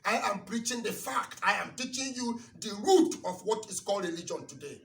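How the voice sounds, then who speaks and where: A man giving an impassioned lecture-sermon, hammering rhetorical questions and swinging between loud bursts and low asides. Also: lively intonation, a little fast, creaky. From Nigeria. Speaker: lecturer on religion and culture. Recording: roomy, distant mic, faint birdsong behind.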